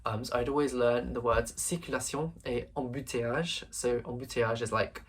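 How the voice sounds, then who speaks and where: A man's voice: medium pitch, steady tone, moderate pace, breathy edge. A young man tutoring through an exam paper, thinking aloud with frequent hesitations and fillers. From England. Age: late teens. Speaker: language tutor. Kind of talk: screen-recorded exam walkthrough.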